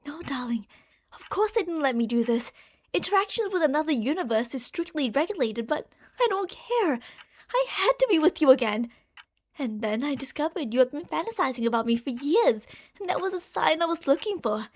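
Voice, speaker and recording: A woman plays a very high-pitched, lovesick yandere girlfriend in an ASMR roleplay, speaking briskly and directly to her darling. As a delusional genius scientist, she is gushing and possessive, swinging between hushed confiding and excited devotion in a secretive, determined mood.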